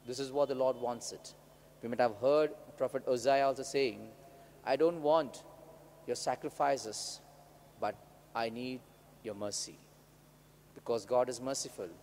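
A man with an Indian English accent, a priest reading the gospel and preaching in a measured, deliberate way, his voice ringing with cathedral echo. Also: mid-range voice, darkish tone. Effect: cathedral echo, long church reverb. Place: large church hall. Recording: long church reverb with faint hum.

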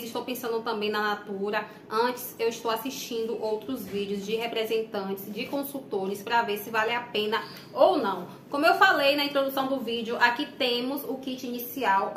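A young Brazilian woman with a Bahian accent talks straight to her viewers, cheerful, with a bright voice set a bit high. The sound comes off a camera mic in a small bare room that echoes. Faint street sounds hang in the background. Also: a little hiss or hum. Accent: Bahian Brazilian Portuguese. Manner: chatty, addresses viewers often. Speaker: vlogger. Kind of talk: casual unboxing chat. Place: small room indoors, plain wall.

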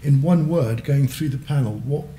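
A man's voice: medium pitch, normal speed, mellow, reverberant, slight background noise. A man moderating a panel discussion from a lectern, conversational with frequent fillers. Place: conference auditorium, standing at a lectern. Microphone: lectern microphone.

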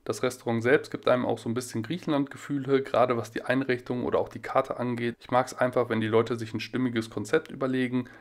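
A man from Germany narrating a casual travel vlog in a relaxed, chatty way, full of small fillers. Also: medium pitch, fast talker, hardly any pauses. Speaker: vlogger.

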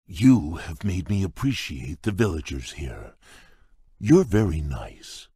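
An actor playing a shy, gentle male beast prince in a game, talking in a halting, bashful way with a husky, rumbling voice. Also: sing-song, no echo, studio quality, full character voice. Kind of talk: game voice clips.

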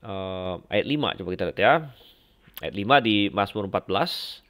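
A man giving a Bible lesson, explaining slowly with frequent fillers and restarts as he compares passages. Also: on the low side, expressive, fairly bright tone, clear, resonant tone. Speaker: Bible teacher. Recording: dull lo-fi lecture recording.

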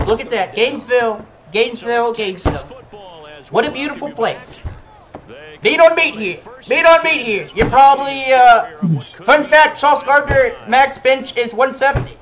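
High-voiced man trash-talking over a game. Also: normal speed, low-quality recording. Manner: loud, cocky, playful trash talk. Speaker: gamer.

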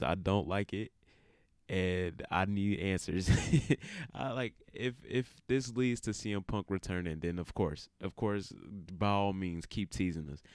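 A man with a very low, resonant voice delivers casual opinion commentary. He talks colloquially, breaking off into asides. The recording is dry and close. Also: a little mellow, clean tone, no room sound. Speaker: video creator.

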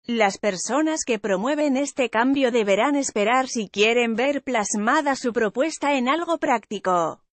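A woman reading a news article aloud in an even, measured way, as a news voice-over. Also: a little high, no room sound. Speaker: news reader.

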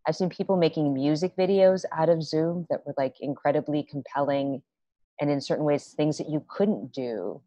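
A woman's voice: low voice, normal speed, mellow, no echo. A young woman, a playwright guest, chatting on a video call from home, with many fillers and restarts. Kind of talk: casual video-call interview. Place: small room at home. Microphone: laptop webcam on video call. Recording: dry, dull video-call audio.

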